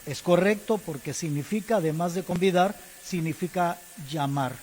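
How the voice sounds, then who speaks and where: High-voiced preacher in a reverberant hall. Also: male voice, darkish tone. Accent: Mexican Spanish. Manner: deliberate, spells out words letter by letter; addresses the congregation as brothers and church. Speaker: pastor. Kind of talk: sermon. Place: church service. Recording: distant hall reverb with faint hiss.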